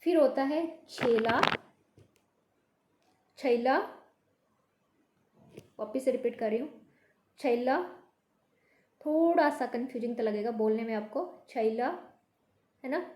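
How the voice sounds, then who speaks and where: A woman teaching a Hindi class, patiently repeating each word slowly to show how it should sound. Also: on the high side, dark tone, echoey room. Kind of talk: online language lesson.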